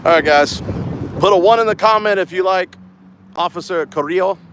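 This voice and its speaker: Quick-talking man in his fifties, high-pitched. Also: background noise. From Southern California. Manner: blunt, quick-talking, joking. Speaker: host. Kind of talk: casual livestream chat.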